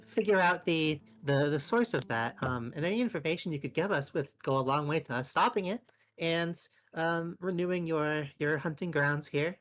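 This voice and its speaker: A woman with a low voice plays a tabletop roleplaying game. Her talk is casual, improvised banter, with light music behind her. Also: moderate pace.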